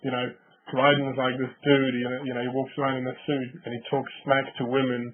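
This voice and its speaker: A man's voice: mid-range voice, flat delivery, fast. A man from Russia co-hosting a podcast, telling rambling stories in casual chat with chuckles. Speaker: podcast co-host. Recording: tinny phone-like line.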